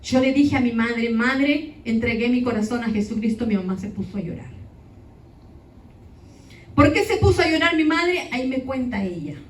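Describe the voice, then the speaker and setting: A woman's voice: fairly high pitch, animated, moderate pace, a little hiss or hum. A woman giving an emotional testimony to her congregation, speaking directly to the listeners. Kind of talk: testimony sermon. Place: church hall. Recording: echoey church hall, far off, faint ambience.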